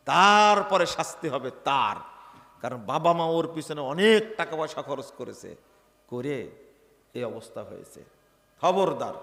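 A man preaching a fiery sermon in Bangladeshi Bengali at a religious gathering. He swings from loud declarations to low mutters and keeps questioning the crowd. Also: vocal fry, in a large hall. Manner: questions the crowd and calls for responses. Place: religious gathering, addressed over loudspeakers.

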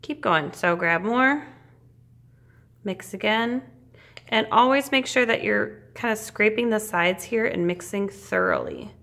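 A woman art teacher giving a casual step-by-step demonstration in an encouraging, reassuring, informal way, with a creaky voice. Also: medium pitch, big pitch swings, a little slow, fairly bright tone.

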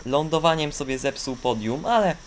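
Excitable man commentating ski jumping. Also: unhurried, a little hiss or hum. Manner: bursts into high excited shouts on long jumps; fillers and restarts. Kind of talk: excited sports commentary over a video game.

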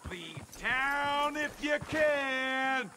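A man voicing an alarmed middle-aged town crier in a western video game, calling out urgent public warnings in long, loud cries. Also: very high-pitched, lively intonation, very slow, soft background music, heavily acted.

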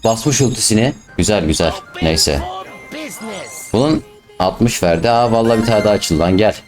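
A young man with a fairly low voice commentates his own gameplay, getting worked up and cursing at teammates. Game music plays clearly behind him. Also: moderate pace. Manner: excitable, swears and snaps at teammates. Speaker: gaming YouTuber.

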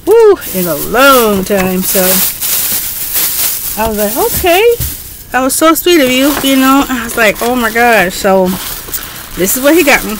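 A middle-aged woman talking casually on a home webcam in an excitable, chatty way, with frequent fillers. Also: a little high, measured pace, pauses often, noisy background. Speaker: beauty vlogger. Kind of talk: casual haul video. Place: bedroom at home, indoors. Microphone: webcam at desk.

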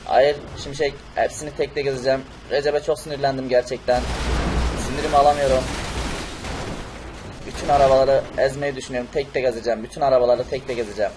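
A man's voice: medium pitch, level tone, fast talker, noisy background, natural voice. A man voicing a furious male superhero who rants angrily and repeats his threats. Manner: angry, repetitive ranting. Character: furious male superhero ranting about revenge.

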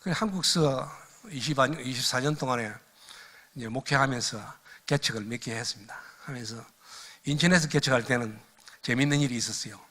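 A man's voice: medium pitch, brisk. An older man, a missionary, giving a lecture full of personal stories that he tells with animation and laughs at along the way. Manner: animated storyteller who laughs at his own stories.

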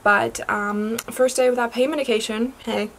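A woman's voice: on the high side, fairly even intonation, normal speed, gravelly, fairly bright tone, slight background noise. A young woman casually narrating and chatting in a personal vlog. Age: young adult. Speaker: vlogger.

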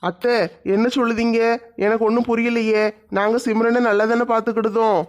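A performer playing a mild, lovesick young husband in a comedy skit, speaking gently and sounding bewildered. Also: mid-range voice, little pitch movement, a little fast, close to an everyday voice.

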